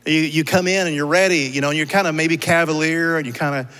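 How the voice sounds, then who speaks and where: A man's voice: fairly high pitch, steady tone, fast, bright, forceful tone, smooth. Pastor guy giving a sermon, conversational, keeps asking the room questions, big echoey sanctuary. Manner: conversational, asks the crowd rhetorical questions. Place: church sanctuary. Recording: long church hall reverb.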